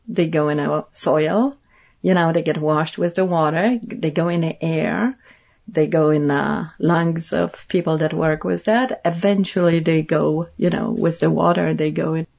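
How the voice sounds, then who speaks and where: A woman's voice: deep voice, creaky, darkish tone, husky. A middle-aged woman from Poland with a Polish accent, speaking earnestly as an interview guest and repeating points for emphasis. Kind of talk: interview conversation. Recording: dull lo-fi sound.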